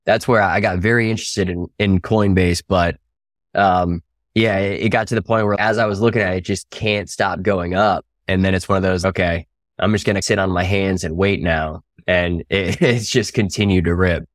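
A man in a casual investing discussion, calmly explaining his reasoning about trades. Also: low-pitched, normal speed, no room sound, clean studio sound.

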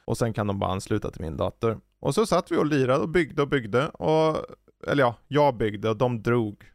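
Gravelly-voiced man telling stories. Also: mid-range voice, no room sound, studio quality. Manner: lively storyteller, acts out anecdotes. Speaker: podcast co-host; parent. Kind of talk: casual chat.

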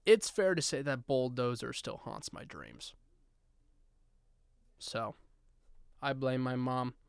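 Comedic male podcast host, smooth clear voice, dry close sound, animated jokey storytelling. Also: mid-range voice, slow pace, no echo. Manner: animated, jokey, exaggerated asides.

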